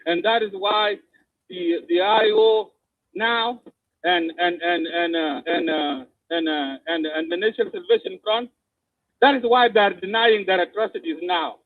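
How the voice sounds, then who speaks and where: A South Sudanese man giving impassioned political commentary, forceful and repetitive, often stumbling over his words. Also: high voice, fairly even intonation, unhurried, no echo. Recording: tinny phone line, dry.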